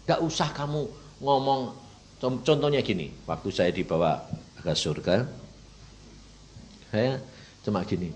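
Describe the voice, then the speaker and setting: A male preacher tells a testimony in a casual, emotional way. He calls out to the congregation. His voice soars and sinks across a huge pitch range, from hushed asides to near-shouted peaks. A faint hum of noise sits under the recording. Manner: emotional preaching with sudden loud outbursts and soft drops; colloquial, addresses listeners as brothers and sisters. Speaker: evangelist. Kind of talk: testimony sermon.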